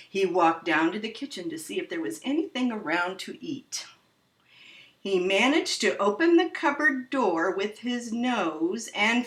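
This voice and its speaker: A storyteller reads a children's picture book aloud, slowly and with dramatic emphasis. Her bright voice swings widely in pitch. The mic is distant, giving a roomy, echoey sound.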